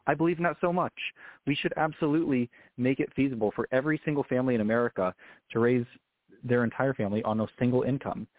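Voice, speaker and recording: A man's voice: medium pitch, fairly even intonation, no room sound. A man being interviewed as a political consultant, talking earnestly and often correcting himself mid-sentence. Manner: fast, earnest, self-correcting. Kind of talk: interview answer. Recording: dry, tinny phone-line sound.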